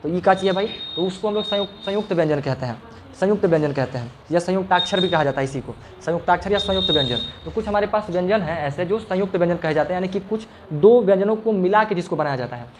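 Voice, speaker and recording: A man's voice: sits high, fast talker, noisy background. A male teacher giving a classroom lesson, patiently explaining and repeating each sound for the students. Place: classroom with a fan running.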